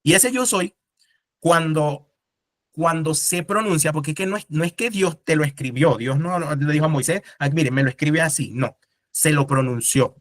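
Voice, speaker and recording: Man, teacher, casual classroom lecture, rhetorical questions, fairly high voice, dry close sound. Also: moderate pace, no room sound.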